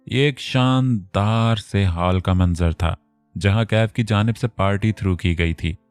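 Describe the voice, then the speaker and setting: Deep-voiced man narrating an audio novel. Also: smooth, no room sound. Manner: steady storytelling.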